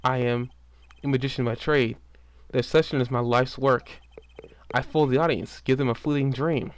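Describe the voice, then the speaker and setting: A man's voice: mid-range voice, steady tone, normal speed, clean tone, no room sound, lightly acted. Man acting out a gloomy, theatrical stage magician. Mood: melancholy. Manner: grandiose, old-fashioned phrasing.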